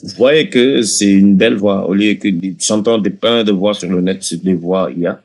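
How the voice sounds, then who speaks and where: Low-voiced man guiding a software tutorial. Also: normal speed. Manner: hesitant, many fillers and restarts, addresses viewers directly. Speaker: tutorial host. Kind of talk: casual screen-recording tutorial.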